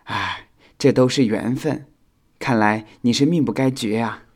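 Speaking a bit slowly in a mid-range voice, a man plays a young male insect in a kids' audio storybook, lightly acted. The character is sensible and caring, chiding gently and steadily.

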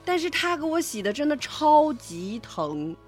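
A woman's voice: high voice, sing-song, a little slow. A woman in a casual chat, asking questions and recounting experiences, repeating herself for emphasis. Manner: informal, emphatic repetition. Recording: music playing behind the talk.

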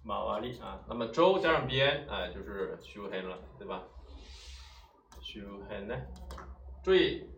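A man teaching Japanese vocabulary, explaining each word and asking rhetorical questions, with many drawn-out "ah" fillers. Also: on the low side, animated, vocal fry, fairly bright tone, lo-fi sound. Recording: roomy echo, mic at a distance, faint ambience.

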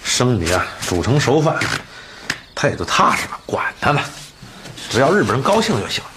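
A man's voice: mid-range voice, big pitch swings, moderate pace, noisy background, close to an everyday voice. An actor playing a crude, scheming, irritable man of a wealthy household in a period TV drama, with a Beijing accent and earthy swearing. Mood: callous.

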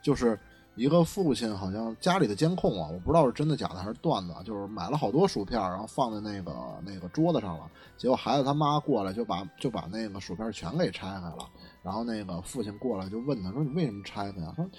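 A man's voice: on the low side, quick pace, breathy edge, soft background music. A man, co-hosting a casual chat about internet memes and telling anecdotes in colloquial slang. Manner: animated storytelling with colloquial slang. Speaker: podcast co-host.

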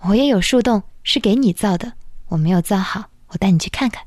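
A woman's voice: mid-range voice, a little fast, a little mellow, no echo, close to an everyday voice. A woman voicing a clumsy, devoted male monkey who speaks earnestly and eagerly.

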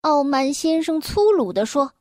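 High sing-songy woman reading a kids' story slow, very dry close sound. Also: no room sound. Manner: slow, lilting, expressive.

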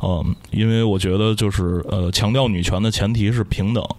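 A man's voice: on the low side, fairly even intonation, normal speed, darkish tone. A man with a Beijing accent hosting a casual podcast in a wry, colloquial way. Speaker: podcast host.

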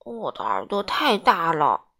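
A woman's voice: fairly low pitch, wildly swooping pitch, unhurried, vocal fry, pushed and bright, voice pushed down, heavily acted. A woman voicing a glum young male pig in a children's storybook reading, speaking in a mopey, downcast way.

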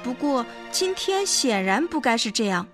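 A woman reading a children's storybook aloud as the host of a children's program, gentle and measured. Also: on the high side, big pitch swings. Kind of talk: scripted storybook narration. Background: faint music.

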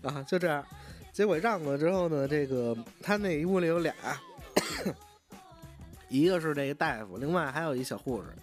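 A man's voice: fairly high pitch, expressive, normal speed, pauses often, soft background music. A man with a Beijing accent tells a story in a casual, rambling way, swearing freely and often restarting his sentences. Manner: profane, rambling, frequent restarts. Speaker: vlogger.

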